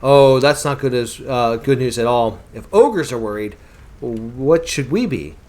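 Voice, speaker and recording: A polite, worried village leader weighing a hard choice for his people, as a man reads him in nearly his own voice. The delivery is courteous and a little hesitant, with lively rises and falls. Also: mid-range voice, measured pace, lightly acted. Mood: concerned.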